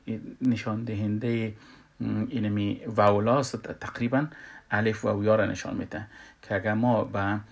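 A man with an Afghan Dari accent teaching a Quran recitation lesson, pausing often with filler sounds and loudly sounding out letters and vowels. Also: lowish voice, creaky. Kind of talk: tajweed lesson.

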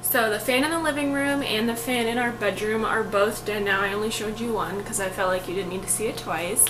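A woman's voice: medium pitch, brisk, loud music behind the voice. A woman in her twenties chatting casually through a home cleaning vlog, upbeat and full of fillers. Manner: chatty, upbeat, says "like" often. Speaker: lifestyle vlogger. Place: small apartment living room, indoors. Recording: echoey room, faint room noise.

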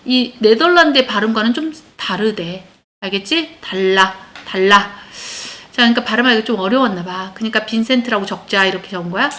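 A woman's voice: mid-range voice, fairly quick, pushed and bright. A woman teaching English to a class of children, explaining a text line by line and often checking that her pupils follow.

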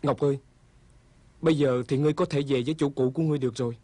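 A man playing a calm, forgiving young husband in a dubbed folk-tale drama. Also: mid-range voice, racing, slight background noise, natural voice. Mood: tender.

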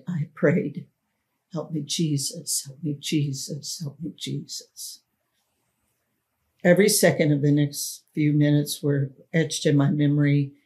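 Slow, solemn woman reading her memoir. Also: low-pitched, darkish tone. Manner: slow, solemn, deliberate storytelling. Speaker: author and podcast host.

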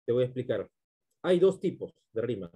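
A man's voice: medium pitch, sing-song, fairly quick, dark tone, slightly rough. A male teacher giving a literature class, explaining step by step and often checking in with his students.

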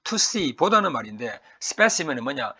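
A man teaching English vocabulary in Korean with a Korean accent. He asks his own questions, answers them, and repeats each word slowly to drill pronunciation. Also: medium pitch, big pitch swings, pushed and bright, slightly rough. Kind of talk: recorded vocabulary lecture.

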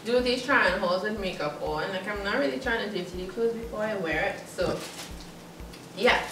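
A woman's voice: mid-range voice, moderate pace, background noise. A young woman chatting casually through a clothing try-on haul, giggly and a little self-conscious. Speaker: vlogger. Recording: echoey room from far off.

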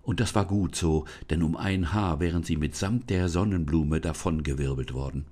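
A man reading a children's storybook aloud in a calm, measured way, with small thinking-aloud asides. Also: rumbling low. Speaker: volunteer children's book reader.

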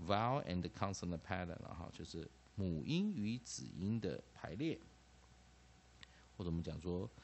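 Lively, low-voiced Taiwanese Mandarin teacher. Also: male voice, creaky, breathy edge. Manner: lively, peppers phrases with 'ah' and 'ha', repeats terms. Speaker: English teacher. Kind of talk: classroom-style phonics lecture.

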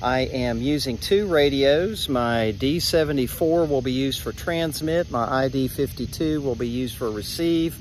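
A man's voice: medium pitch, measured pace, hardly any pauses. A man in his forties speaking as an amateur radio operator, narrating and making call-outs in a procedural way outdoors. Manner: procedural, spelling call signs phonetically. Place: open parking lot outdoors at night. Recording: noisy outdoor recording with traffic ambience.

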